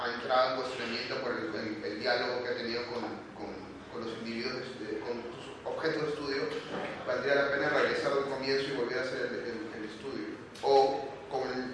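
A man asking a long question in class, hesitant and restarting his words often. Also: medium pitch. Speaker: student. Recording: echoey room, distant mic, noisy.

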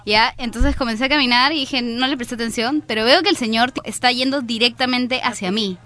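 A woman's voice: a little high, brisk, pushed and bright. Young Peruvian woman telling stories. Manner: chatty storyteller, many fillers like "tipo" and "o sea". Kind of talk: casual group chat.

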